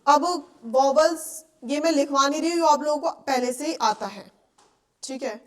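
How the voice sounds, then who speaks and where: High-voiced Indian woman teaching English. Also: moderate pace. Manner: explains patiently, asks checking questions often. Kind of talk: classroom lecture.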